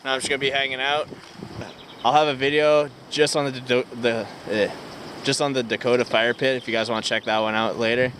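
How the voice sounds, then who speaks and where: Noisy outdoor ambience surrounds a man. His pitch is ordinary to slightly low, and he talks casually to viewers. His delivery is laid-back and unhurried, like a solo camping vlog. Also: level tone, a bit bright. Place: outdoors at a campground at night. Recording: outdoor wind and ambient noise.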